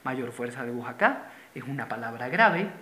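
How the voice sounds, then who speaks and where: A man's voice: medium pitch, expressive, moderate pace, sharp tone. A man from Venezuela, teaching a grammar lesson patiently, repeating key terms and pointing at a board. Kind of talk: classroom-style grammar lesson. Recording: roomy echo.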